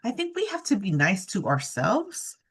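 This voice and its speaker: A woman's voice: mid-range voice, wildly swooping pitch, normal speed, fairly bright tone, slightly rough. A woman who cares for her parents, speaking candidly and practically in a casual heartfelt conversation. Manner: candid, thoughtful, practical, with some "um"s. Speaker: family caregiver for her parents.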